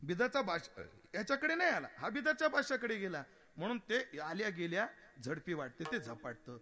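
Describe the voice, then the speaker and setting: A man preaching a devotional kirtan sermon, animated and humorous, asking rhetorical questions and breaking into sung verses. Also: high voice, moderate pace.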